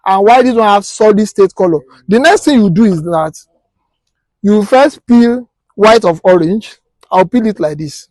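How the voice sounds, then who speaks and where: A Nigerian man works as a technical instructor for a hands-on practical class, explaining things step by step and quizzing listeners with rhetorical questions. His voice is high-pitched, and the recording is dry and low in quality.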